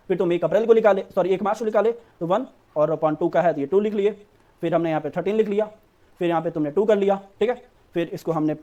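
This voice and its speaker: A commerce teacher gives an online accounts lesson aimed at board exams. His voice sits high with a dark tone, and the audio is dull. He coaxes students the way a brother would and says "theek hai" often.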